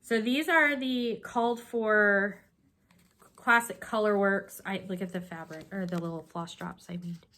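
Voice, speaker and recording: A woman's voice: mid-range voice, steady tone, a little slow, bright, forceful tone. Woman, sniffly, stuffed up, casual co-host chat, rambling, restarts. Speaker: co-host showing cross-stitch projects.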